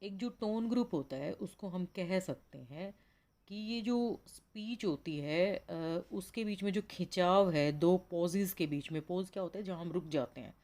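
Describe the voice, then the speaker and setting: A woman with an Indian accent teaching a lesson, explaining patiently and reading example sentences slowly and deliberately. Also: lowish voice, darkish tone. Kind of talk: classroom lecture.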